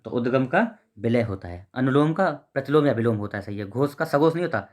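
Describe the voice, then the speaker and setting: A man's voice: mid-range voice, expressive, fairly quick. A man teaching, reading out each exam question and its options, then correcting the wrong ones with informal, repetitive explanations. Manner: informal, repeats words, reads out options and corrects them. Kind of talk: explaining test answers.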